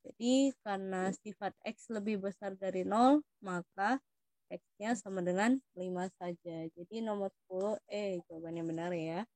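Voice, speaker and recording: A woman's voice: medium pitch, normal speed, darkish tone, dry recording. A young woman with an Indonesian accent, patiently explaining math test questions to students as a tutor. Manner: patient, addresses students as "Dik".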